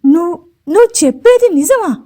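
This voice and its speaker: A woman's voice: sits high, animated, normal speed, a little mellow. A woman voicing a scheming young male boss who threatens, snaps and then turns scared. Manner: menacing, then frightened.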